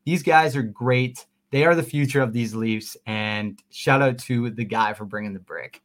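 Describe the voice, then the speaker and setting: A young man co-hosting a podcast, telling a story in an excited, rambling way with lots of fillers. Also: mid-range voice, normal speed. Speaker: podcast co-host. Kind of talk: casual storytelling.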